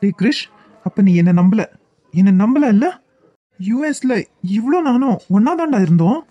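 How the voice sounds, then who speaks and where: A man's voice: high-pitched, expressive, normal speed, lo-fi sound, background noise. Arjun, a desperate lovesick young man. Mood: desperate pleading. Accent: Kanyakumari Tamil. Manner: pleading, insistent, stammering. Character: distraught young man clinging to a lost love. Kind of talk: cartoon web series dubbing.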